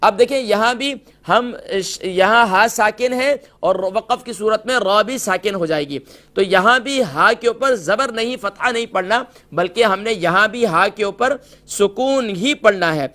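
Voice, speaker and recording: A man with a Pakistani Urdu accent teaching tajweed, slowly modelling each word before explaining the pronunciation rules. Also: high voice, sharp tone. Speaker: Quran recitation teacher.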